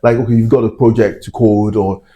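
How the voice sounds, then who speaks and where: A man's voice: on the low side, steady tone, a little fast, mellow, highs cut off. A man hosting a science podcast, talking in a casual, rambling way with many fillers. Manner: chatty, lots of fillers and asides. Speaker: podcast host. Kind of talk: casual interview chat. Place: Glasgow.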